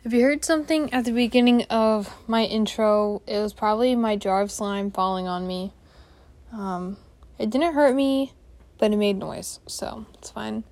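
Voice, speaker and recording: Speaking at a normal speed in a medium-pitched, darkish voice, a young adult woman hosts a casual solo podcast in her bedroom. She is scatterbrained and apologetic, constantly interrupting herself as she rambles.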